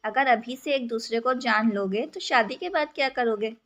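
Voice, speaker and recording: A woman reading as a calm, earnest young man. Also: on the high side, normal speed, lightly acted. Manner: calm, persuasive.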